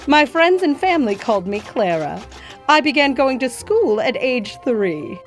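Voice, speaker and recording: A woman's voice: high voice, big pitch swings, moderate pace, soft background music. A woman playing a gracious historical nurse who tells her life story in a genteel way, calling her listener "my dear". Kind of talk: scripted educational acting.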